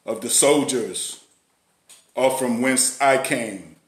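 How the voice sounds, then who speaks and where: Deadpan man, mock action-hero tone. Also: mid-range voice, slow. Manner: deadpan, clipped, robotic delivery. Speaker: comedic fitness vlogger. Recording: roomy echo with loud music.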